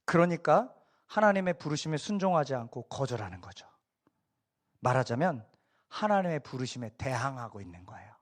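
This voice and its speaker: A man's voice: medium pitch, moderate pace. A middle-aged man preaching a Sunday sermon as a pastor, telling stories and acting out the people he quotes. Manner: animated storytelling, acts out quoted voices.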